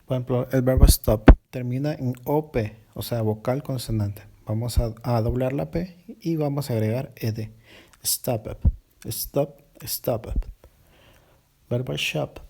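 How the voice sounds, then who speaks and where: A man teaching an English grammar lesson in Spanish, going slowly, repeating words and correcting himself as he explains. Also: medium pitch, creaky, mellow, a little hiss or hum. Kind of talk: recorded classroom lesson.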